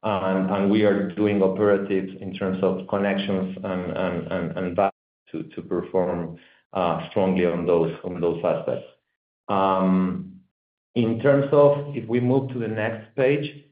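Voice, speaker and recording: A man presenting company results over a conference call line that keeps cutting out, talking in a halting way and often repeating his words. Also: deep voice, steady tone. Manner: halting, stumbling delivery with many repeated words. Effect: heard over a conference call line that keeps cutting out. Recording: echoey, tinny phone-like call line.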